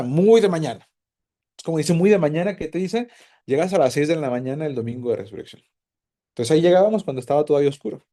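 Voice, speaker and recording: A man teaching a Bible class, animated and quizzing his students with lots of questions. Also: a little high. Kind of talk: casual teaching to a group.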